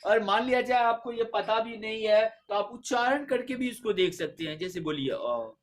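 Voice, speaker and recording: High-voiced man teaching a grammar lesson. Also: expressive. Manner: patient, repeats letters slowly and drills points for exams. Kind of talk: Hindi grammar lesson for exam students.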